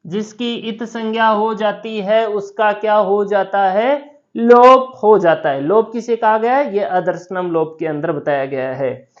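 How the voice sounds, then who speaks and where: A woman teaching a grammar lesson, explaining each rule slowly, repeating key terms and asking the class questions. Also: medium pitch, dull audio. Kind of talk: classroom lecture.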